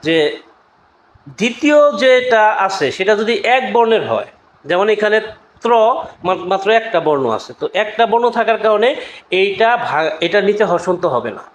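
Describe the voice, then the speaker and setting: A man's voice: high-pitched, roomy sound, slight background noise, rough recording. A man teaching an exam-prep lesson in a chatty way, repeating points and often checking in with his students. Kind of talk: casual video lesson.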